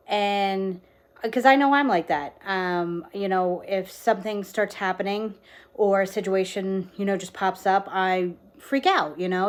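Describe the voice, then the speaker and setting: A woman giving a casual devotional talk to camera, chatty and earnest, with many fillers. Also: mid-range voice. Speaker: faith content creator.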